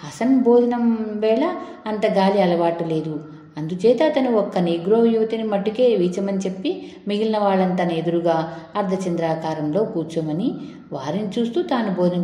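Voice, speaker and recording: A woman storyteller reading a folk tale aloud in a steady, measured way. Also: mid-range voice. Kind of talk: story narration read aloud. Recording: echoey room with long reverb.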